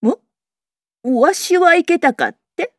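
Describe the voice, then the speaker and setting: A woman's voice: extremely high pitch, lively intonation, slow pace, no room sound, studio quality, full character voice. A woman playing a chatty, secretive old townsperson who talks in a folksy, teasing, wise-elder way. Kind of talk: character monologue.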